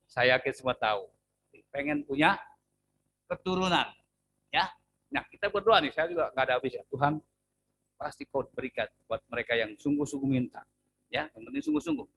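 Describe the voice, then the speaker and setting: A male pastor preaches in a church with easy, joking warmth and asks his listeners to read along. His voice is bright and sits a little high. He calls out verses and prompts the congregation with a casual touch. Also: slight background noise, rough recording. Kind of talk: sermon.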